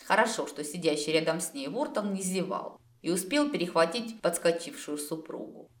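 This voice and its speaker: A woman reading a first-person fantasy audiobook aloud in a wry, expressive way, recorded at home. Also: lowish voice, normal speed, echoey room. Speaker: audiobook reader.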